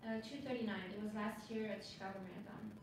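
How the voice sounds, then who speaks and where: A woman's voice: medium pitch, steady tone. Woman from Lebanon in an echoey hall. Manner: chatty, halting, many fillers. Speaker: panel guest, marathon runner. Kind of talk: casual panel talk. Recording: echoey, distant mic, noisy ambience.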